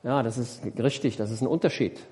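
A male preacher delivers a sermon in church, walking his listeners through a parable. He keeps asking them questions and repeats his main points with emphasis. His voice sits at an average pitch for a man. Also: brisk, darkish tone. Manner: explains with questions to the congregation; emphatic, repeats key phrases.

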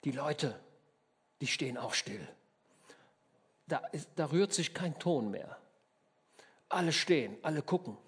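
A German man preaching a sermon, telling the story in a lively way, acting out the people in it and often asking his listeners for agreement. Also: fairly high pitch, unhurried, pauses often, slightly rough. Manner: lively storytelling, acts out voices, asks the listeners questions.

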